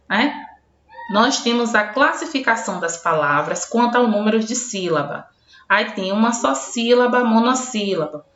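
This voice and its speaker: A woman teacher records a lesson, calling on pupils who are not there and answering for them. She spells things out slowly and plainly. The sound is dull and lo-fi, with a roomy echo. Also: medium pitch, a bit bright. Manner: addresses imagined pupils by name, answering for them; slow, spelled-out classroom explanation. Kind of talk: recorded online grammar lesson.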